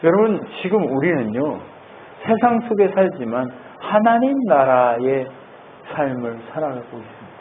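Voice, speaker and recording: Male pastor, lively sermon with questions to the congregation, tinny phone-line recording. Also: high voice. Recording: tinny phone-like sound, faint noise.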